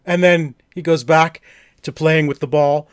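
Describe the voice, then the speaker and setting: A man's voice: a little high, fairly even intonation, a little slow, smooth, dry recording, clean studio sound. A man co-hosting a podcast, chatting casually and enthusiastically, with many fillers and restarts. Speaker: podcast co-host. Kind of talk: casual chat.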